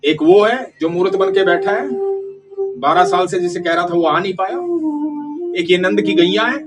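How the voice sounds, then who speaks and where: Cranky old devotee, voiced by a male storyteller. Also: high-pitched. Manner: grumbling, irritated. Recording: distant voice over loud flute music.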